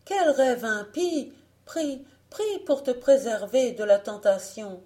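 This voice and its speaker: A woman voicing a humble, devout widowed mother from a storybook who loudly pleads with her proud daughter. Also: a little high, animated, slow pace, pitched above the performer's own voice. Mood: alarmed scolding. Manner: pleading, scolding.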